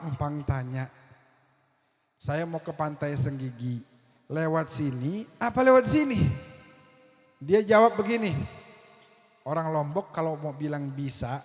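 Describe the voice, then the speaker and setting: Betawi preacher guy telling funny stories, high voice, echoey hall. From Betawi, Jakarta. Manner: joking, asks the audience questions. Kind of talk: humorous sermon.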